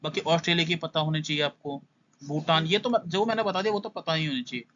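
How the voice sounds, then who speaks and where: Young male tutor, quick casual lesson, bright edge, slightly muffled lo-fi sound. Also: a little high, slight background noise. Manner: brisk, skims through points, repeats "must know". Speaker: exam prep tutor. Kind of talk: casual exam-prep lesson.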